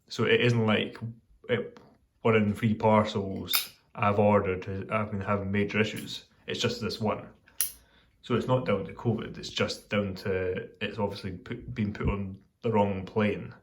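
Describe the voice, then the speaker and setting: Low-voiced man, hesitant and meandering. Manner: hesitant, meandering, self-correcting mid-sentence. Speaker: hobbyist vlogger giving updates. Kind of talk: casual rambling update vlog.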